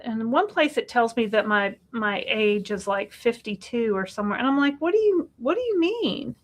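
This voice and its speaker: A woman in her fifties co-hosting a live question-and-answer chat, talking with animated, exasperated bursts and laughs. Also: on the high side, moderate pace. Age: 50s. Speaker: co-host.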